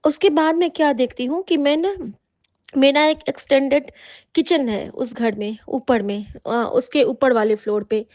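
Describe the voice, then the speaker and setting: High-voiced woman recounting a dream. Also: darkish tone, no room sound. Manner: rambling, halting storytelling with many fillers; addresses listeners as congregation. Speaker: devotee sharing an experience. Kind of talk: spoken testimony of a dream. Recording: dull lo-fi recording.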